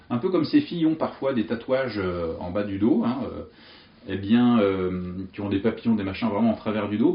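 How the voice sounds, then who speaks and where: A man explaining memory tricks with lively, playful energy and vivid mental images. His voice sits in a middle register. The sound is slightly dull and roomy. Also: mid-range voice. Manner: lively, animated, jokey storytelling with vivid images. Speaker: memory coach. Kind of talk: explanatory teaching monologue.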